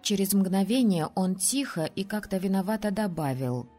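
Husky woman narrating an audiobook. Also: medium pitch, animated, moderate pace, dark tone, faint music behind. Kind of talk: scripted first-person narration.

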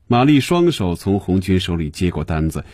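Deep, husky male novel narrator. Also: normal speed, no room sound, studio quality. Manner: expressive storytelling. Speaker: audiobook narrator.

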